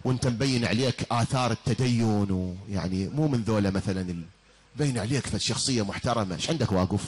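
A man's voice: fairly low pitch, quick pace, a little hiss or hum, lightly acted. A man voicing a wary Iraqi woman at her door. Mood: suspicious. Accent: Iraqi Arabic. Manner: blunt, questioning, scolding.

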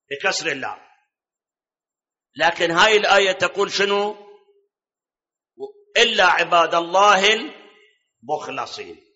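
A man's voice: sits high, bright, forceful tone. A man preaching a sermon, quizzing his listeners and quoting scripture. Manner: quizzes the audience, quotes scripture. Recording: dull lo-fi recording.

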